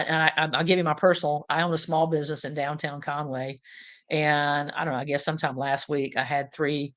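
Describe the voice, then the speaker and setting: A man's voice: a little high, a bit bright. A man hosting a political podcast, talking in a casual, opinionated way with many fillers.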